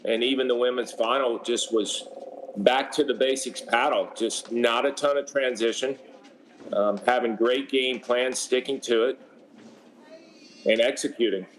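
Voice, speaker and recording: A man's voice: mid-range voice, fairly even intonation, measured pace, poor audio. A man giving color commentary on a platform tennis match, conversational and often restarting his sentences. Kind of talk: sports commentary.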